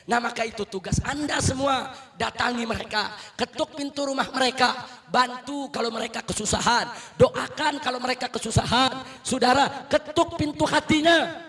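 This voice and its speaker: A middle-aged male preacher with a very high, piercing voice delivers a fiery sermon to a large gathering. He rouses the crowd, repeats his call to the brothers again and again, and leads them in answering chants. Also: moderate pace, pushed and bright. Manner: rousing, repeats "saudara", calls for takbir and crowd responses. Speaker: Islamic preacher.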